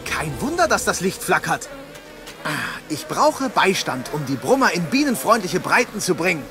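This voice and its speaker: An actor playing an excitable, bumbling sea captain in a flustered, exclamatory way for a children's audio drama. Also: male voice, high voice, moderate pace. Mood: flustered amazement. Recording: music behind the voice.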